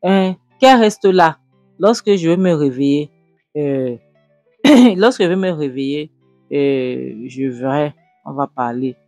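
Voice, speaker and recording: A man's voice: medium pitch, slow, gravelly, long pauses, mellow, dry recording, faint music behind. A man voicing an arrogant husband who complains and mocks his wife's sister. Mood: complaining. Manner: complaining, mocking.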